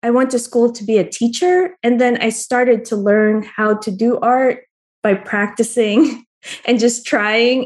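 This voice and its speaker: In the Albany region of New York, a guest artist from the Philippines with a somewhat high voice answers interview questions in a friendly way, frequently breaking into soft laughter mid-sentence.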